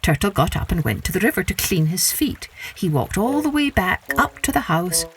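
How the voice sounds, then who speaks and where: A woman hosting a storytelling podcast, narrating a scripted folktale for children in an animated style. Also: lowish voice, moderate pace, slight background noise. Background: faint music.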